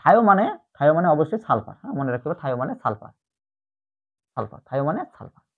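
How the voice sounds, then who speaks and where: A man's voice: fairly high pitch, big pitch swings, rapid-fire, breathy edge. Male chemistry teacher, online lecture, repeats key terms, phone-like tinny sound.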